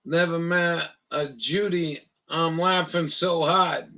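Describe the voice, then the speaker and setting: A man's voice: a little high, fairly even intonation, slow pace, bright, forceful tone, low-quality recording. A man with a Maine accent, hosting a livestream in crude, joking, rambling chat and mockingly reading things aloud. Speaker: livestream host.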